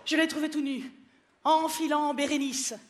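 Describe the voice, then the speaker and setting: A man's voice: very high-pitched, level tone, normal speed. An actor playing a cuckolded man who declaims his lament in mock-tragic verse. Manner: theatrical, declamatory.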